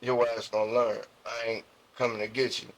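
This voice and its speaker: A man's voice: mid-range voice, little pitch movement, rough recording. Young jersey guy, slangy, stops and restarts a lot, casual storytelling. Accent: New Jersey. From Jersey City, USA. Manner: slangy, halting with many restarts and fillers. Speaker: guest.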